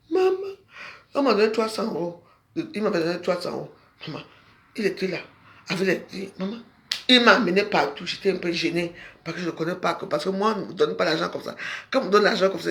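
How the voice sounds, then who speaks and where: A woman's voice: lowish voice, creaky, a bit bright. A woman speaking emotionally in a street interview, with exclamations and repeated phrases, sometimes close to tears.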